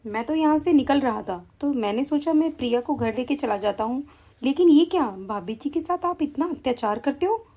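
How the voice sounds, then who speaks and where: A woman voicing an indignant young son-in-law in an animated cartoon, reproachful and agitated. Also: high-pitched, moderate pace.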